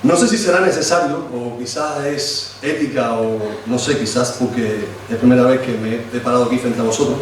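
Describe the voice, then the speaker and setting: Speaking at normal speed with a mid-range voice and hardly any pauses, a man in his forties from Cuba preaches and prays, though his informal delivery is hesitant and often restarts. He has a Cuban Spanish accent, and the distant mic in the echoey church hall catches slight background noise.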